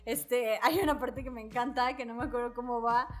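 A young woman with a Mexican accent, co-hosting a podcast and recapping a film in slangy, animated casual talk. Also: fairly high pitch, a little fast. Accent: Mexican Spanish. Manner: slangy, animated, acts out quotes. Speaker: podcast co-host.

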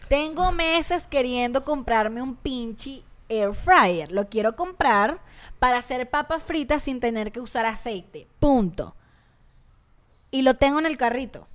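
A woman co-hosting a casual chat, telling candid stories in an animated way. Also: high-pitched. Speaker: podcast co-host.

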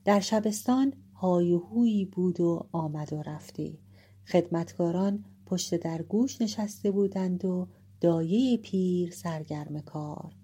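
A woman narrating an epic tale in a measured, dramatic storytelling manner. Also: lowish voice, warm tone, slightly rough. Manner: measured, dramatic, shifting pace for suspense.

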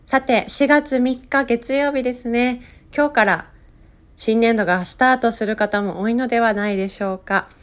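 A woman coach leading a guided breathing meditation in a soothing, gentle manner with drawn-out instructions. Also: a little high, steady tone.

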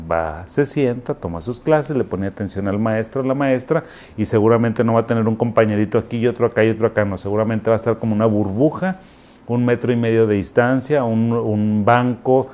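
A man's voice: lowish voice, a little mellow. A man with a Mexican accent, a doctor explaining things to parents in a conversational, advice-giving way. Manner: conversational, explanatory, acts out quotes.

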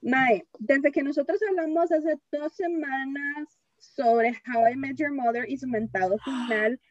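A woman's voice: high voice, unhurried, dry recording, highs cut off. A Costa Rican woman co-hosting a casual podcast chat, emphatic, dropping English phrases into her Spanish in Spanglish. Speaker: podcast co-host.

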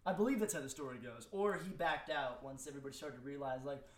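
A man in casual podcast chat, telling stories animatedly and swearing often. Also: medium pitch. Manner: animated storyteller, swears, does quick impressions. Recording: roomy echo.

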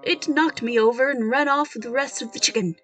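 A woman's voice: fairly high pitch, lively intonation, normal speed, close to an everyday voice. A woman reading aloud plays a whimsical gray-haired king with a childlike streak, pleading and pouting like a boy who wants a pet. His lines come a bit raised and eager, with faint music far behind. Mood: sulky. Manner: pleading, wheedling, pouty.

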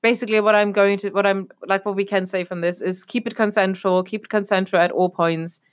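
Young adult woman from Germany, podcast co-host, casual rambling chat full of fillers, middle pitch. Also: little pitch movement, a little fast. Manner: rambling, leans on fillers like "obviously" and "a whole thing".

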